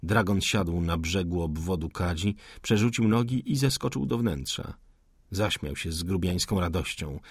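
A man narrating a literary audiobook in a measured, deliberate reading manner. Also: sits low, husky, no echo, clean studio sound.

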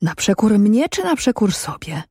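A storyteller voicing a nosy, suspicious village man in an audiobook, asking slow, pointed questions. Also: medium pitch, very animated, warm tone, slightly rough, no echo, studio quality. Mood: suspicious prying. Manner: slow, probing, emphatic questions.

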